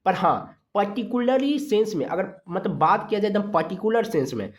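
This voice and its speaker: A teacher from India giving a grammar lesson, explaining rules step by step, sounding letters out slowly and checking in often with the class. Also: medium pitch, sing-song. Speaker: exam-prep English grammar teacher.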